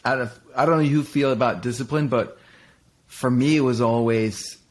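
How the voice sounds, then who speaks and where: A middle-aged Danish interview guest looks back on his life, speaking candidly with many restarts and fillers. His voice is mid-range and his speed normal.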